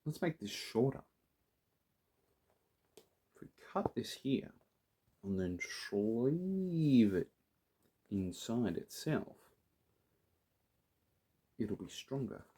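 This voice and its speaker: A playful Australian prop maker chats to viewers as he builds a theatre prop in a casual workshop tutorial. His mellow, medium-pitched voice has a sing-song lilt, with drawn-out words and long pauses.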